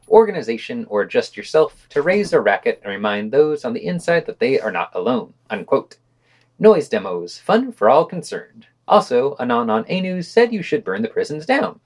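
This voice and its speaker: A man's voice: medium pitch, a little mellow. A man co-hosting a podcast, reading a weekly news roundup and dropping sardonic, opinionated asides between the quotes. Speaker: podcast co-host.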